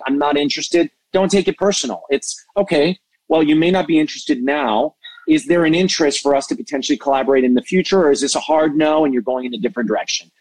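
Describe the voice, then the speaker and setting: An entertainment media executive and mentor, appearing as an interview guest, talks animatedly in a fairly high voice with vocal fry. He's expressive and passionate, even calling himself hyper. The low-quality recording is dry, with no echo.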